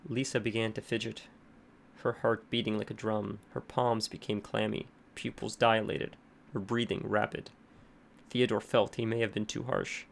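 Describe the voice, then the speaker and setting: Gravelly male horror narrator. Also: lowish voice, flat delivery, moderate pace, slight background noise.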